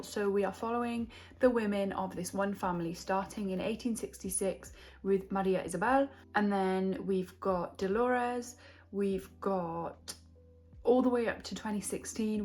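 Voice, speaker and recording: A young Welsh woman, a book vlogger, gives a chatty and thoughtful book review in a casual reading vlog, often trailing off and starting her thoughts over. Her voice is mid-range and a little mellow.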